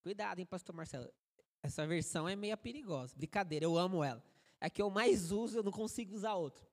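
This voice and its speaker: A man in his thirties with a Brazilian Portuguese accent, a guest preacher giving a sermon in a joking, animated, conversational way, with a fairly high voice for a man. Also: fast. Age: 30s. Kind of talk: sermon with humorous storytelling. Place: church sanctuary. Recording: long church hall reverb.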